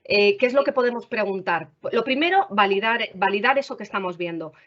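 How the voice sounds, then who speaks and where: A woman's voice: mid-range voice, lively intonation, fairly quick. A woman with a Spain Spanish accent, a school counselor giving parents practical advice in a webinar, often checking in with the audience. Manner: warm advisory tone, frequent "vale?" checks. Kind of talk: explanatory talk to parents. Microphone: video call. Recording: dull video-call audio.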